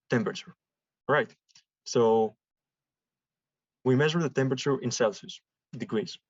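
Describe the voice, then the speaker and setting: A man's voice: mid-range voice, darkish tone, no echo. A man from Greece, giving a classroom statistics lecture and explaining step by step with examples. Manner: explains slowly with examples and repetition. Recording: dull dry lecture recording.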